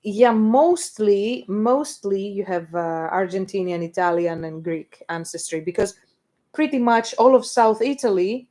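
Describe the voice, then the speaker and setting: A woman's voice: mid-range voice, lively intonation, unhurried, mellow. Bickering young woman. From England. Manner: bickering, swears casually. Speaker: band member co-hosting a stream. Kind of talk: casual banter.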